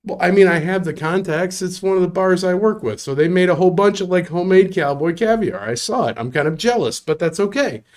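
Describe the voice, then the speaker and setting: A man's voice: sits high, a little fast, hardly any pauses. A man hosting a live bar prize giveaway show, jokey and upbeat, with chuckles and asides.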